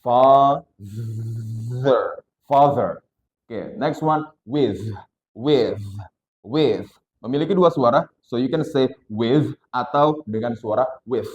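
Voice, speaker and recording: A man teaches English pronunciation, stretching each sound slowly for students to repeat. He talks at an unhurried pace in a roomy, echoing space, at a mid pitch. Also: lively intonation. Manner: slow, drawn-out modeling of sounds, mixing English and Indonesian. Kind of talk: classroom lesson, modeling sounds for repetition.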